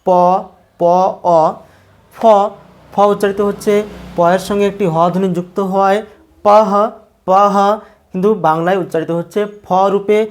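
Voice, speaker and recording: A teacher giving a slow, methodical pronunciation lesson, saying each sound several times. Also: medium pitch, a little mellow.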